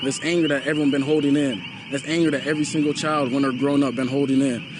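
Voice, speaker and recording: Amid background noise at a night protest near a mall, a young man from Liberia speaks fast in a steady, medium-pitched voice during a street interview. He's impassioned and repetitive, regularly tossing in "you know?"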